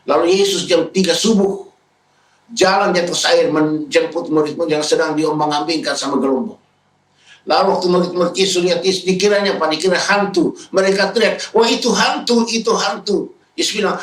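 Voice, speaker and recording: Male pastor preaching in a big church, slightly high voice, roomy sound. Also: far from the mic. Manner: preaching, retells scenes in raised voices. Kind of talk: sermon. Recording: echoey hall, speaker away from the mic.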